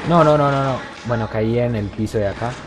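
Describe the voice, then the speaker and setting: A man's voice: medium pitch, a little fast, noisy background. A man doing let's play commentary on a horror game, joking and talking back to the characters on screen. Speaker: gameplay commentator.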